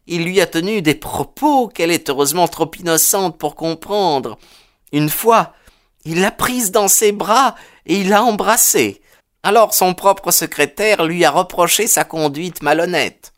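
A reader voicing an anxious, earnest middle-aged widowed landlady who pleads and sighs in a raised pitch. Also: unhurried, fairly bright tone, lightly acted. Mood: indignant. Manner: high, earnest and agitated, sighing.

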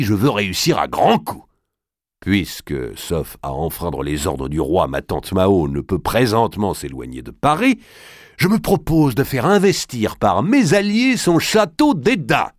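A man's voice: fairly low pitch, no echo, studio quality, full character voice. A man reading an audiobook and voicing a grand, imperious nobleman who speaks in a declamatory, commanding way.

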